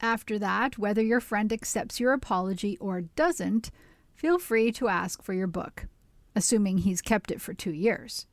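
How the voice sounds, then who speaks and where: Woman, newspaper reader, measured even delivery, middle pitch, dry close sound. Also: dry recording. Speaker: volunteer reader for a radio reading service. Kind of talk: reading newspaper columns aloud.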